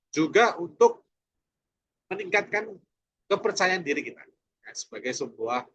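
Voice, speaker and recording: A man's voice: medium pitch, fairly bright tone, highs cut off. A man teaching a preacher training class online, asking rhetorical questions and tagging his sentences with "ya". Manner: rhetorical questions, frequent "ya" tags.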